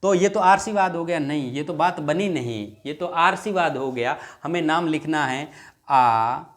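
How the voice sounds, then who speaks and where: A man with a fairly high voice teaches grammar for exam preparation. He explains patiently, says example words again and again, and dictates rules word by word. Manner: explains patiently, repeats words slowly, asks students questions. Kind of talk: exam-prep lesson.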